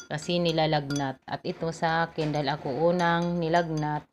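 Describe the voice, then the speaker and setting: Middle-aged woman vlogger, low voice, slight cough, chatty step-by-step home talk, faint clinks behind. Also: flat delivery, moderate pace, slight background noise. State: has a cough. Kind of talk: casual home vlog.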